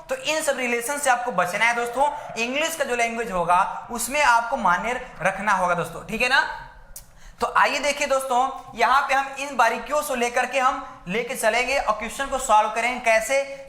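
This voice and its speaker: Male exam-prep tutor, bright, forceful delivery, heavy on rhetorical questions and "right?" check-ins; recorded in a roomy, echoey space. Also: very high-pitched. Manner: keeps asking rhetorical questions and answering them himself; constantly tags lines with "friends" and "right?". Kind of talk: classroom-style lecture. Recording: roomy echo.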